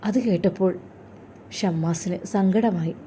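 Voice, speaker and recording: A woman with a Malappuram accent narrating an emotional story in a slow, heartfelt way. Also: on the low side, dark tone, slight background noise. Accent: Malappuram Malayalam.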